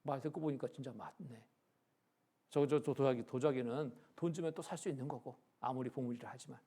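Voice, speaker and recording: A middle-aged man preaching in a church as pastor, telling a story with sudden loud and hushed turns. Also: mid-range voice, fairly quick, breathy edge. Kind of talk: sermon.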